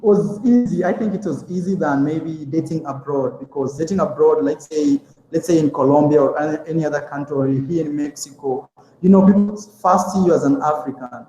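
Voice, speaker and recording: A young Kenyan man with a fairly high, mellow voice speaks briskly as a guest in a casual interview, rambling through stories with plenty of fillers and restarts. The echoey room adds a long reverb.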